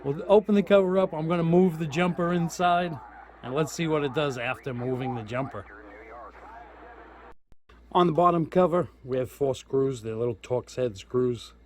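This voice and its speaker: The host of a radio gear review channel walks through a hands-on product demo step by step, keeping things informal and folksy. His voice is fairly high-pitched with a darkish tone, and he talks at a normal speed.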